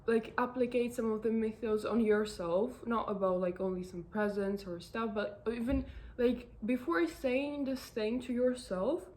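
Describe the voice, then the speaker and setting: A woman's voice: on the high side, steady tone, unhurried. Earnest rambling woman vlogger. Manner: rambling, heavy on fillers and restarts; earnest, gently encouraging. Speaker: self-help vlogger. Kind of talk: casual advice talk to camera.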